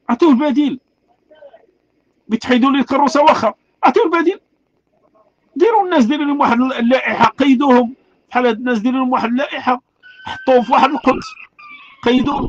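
A street artist speaking out, a man with a Moroccan Arabic accent, delivers an angry, impassioned, repetitive rant full of rhetorical questions. His voice is extremely high-pitched, and the recording sounds muffled.

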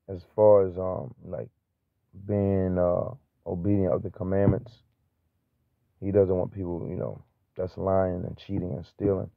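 A man preaching freely and informally, with a stutter, halting and restarting through many fillers. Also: low-pitched, creaky, no echo. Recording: tinny phone-like, dry.

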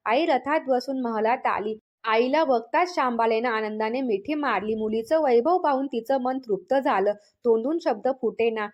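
A woman with a slightly high voice narrates a devotional folk tale. She speaks the dialogue of each character in her own natural voice and does not put on separate voices. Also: moderate pace, muffled recording. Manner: reads dialogue for every figure in her own voice. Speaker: storyteller.

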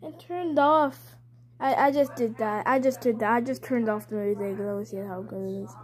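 A performer voicing an excitable toddler boy, Baby Mario, in a childish, rambling way. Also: mid-range voice, normal speed, close to an everyday voice. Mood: playful. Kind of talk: fan puppet video voice acting.

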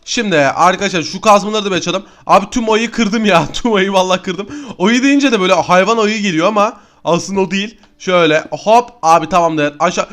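A young man giving excited let's-play commentary to his viewers, exclaiming at every new find and talking straight to his audience. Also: high-pitched, fairly quick, hardly any pauses. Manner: excitable, keeps addressing viewers as friends. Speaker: gaming YouTuber.

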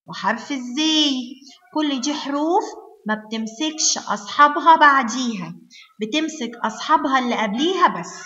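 Kindergarten teacher, woman, Egyptian Arabic accent, high bright voice, coaxing and slow on letter sounds, dull lo-fi recording. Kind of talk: online phonics lesson for young children.

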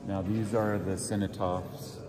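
A man's voice: deep voice, level tone, unhurried, a loud crowd. A middle-aged man guiding a group through a large stone mosque, explaining what they see as he points things out, speaking into a headset mic. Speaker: tour guide. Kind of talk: guided tour explanation. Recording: loud background noise.

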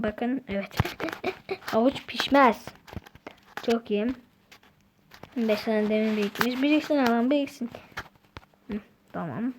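A woman giving casual, excitable gameplay commentary, talking to herself and her viewers as she plays. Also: fairly high pitch, background noise. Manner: chatty, excitable, talks to self and viewers. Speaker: gaming channel host.

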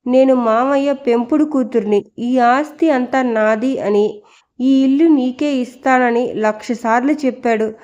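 Woman doing haughty spiteful young woman, scornful sharp tone, fairly high voice, dull lo-fi recording. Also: measured pace, lightly acted. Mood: gloating.

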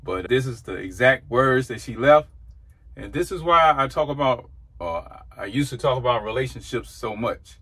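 A man's voice: medium pitch, expressive, normal speed, sharp tone, husky. A man in his forties, a trucker, giving rambling, earnest thoughts from his truck cab into a dashboard camera. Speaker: trucker vlogger. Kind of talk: casual reflective talk.

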